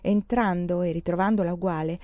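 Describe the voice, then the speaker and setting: A woman reading a novel aloud in a measured, expressive narration, close to the mic. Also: fairly low pitch, no echo, dull audio. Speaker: audiobook reader.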